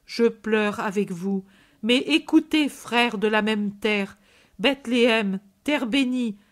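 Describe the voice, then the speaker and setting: A woman's voice: fairly high pitch, slow pace. Compassionate male preacher, solemn and exhorting, read by a woman.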